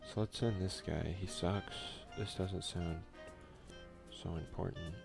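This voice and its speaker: With music running in the background, this gaming video host talks slowly in a low, steady, gravelly voice. He keeps his ASMR let's play casual, reading game text aloud and tossing in muttered slang.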